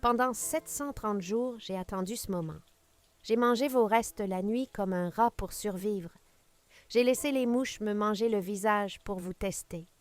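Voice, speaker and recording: A woman voicing an elderly matriarch who speaks hoarsely, in a cold, commanding tone, articulating every syllable. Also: medium pitch, measured pace, faint music behind, natural voice. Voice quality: hoarse, gravelly.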